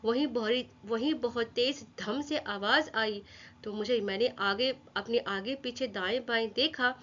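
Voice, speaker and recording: A timid little rabbit stammers through his words in a slow, nervous way, as a woman puts him on. The voice is bright and sits fairly high, and the recording is dull and lo-fi.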